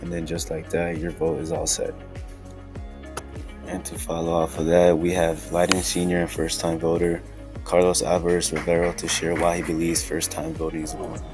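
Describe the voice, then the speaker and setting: Deep flat teen male presenter. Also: moderate pace, music in the background. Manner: plain scripted reading. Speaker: student presenter. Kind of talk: read news segment.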